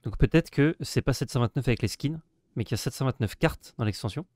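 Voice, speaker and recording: A man co-hosts a relaxed card-game talk, often pausing and restarting his sentences. His voice sits at a middle pitch. The sound is dry and close. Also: dry recording. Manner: hesitant, many fillers and restarts. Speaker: co-host. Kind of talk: casual card-game discussion.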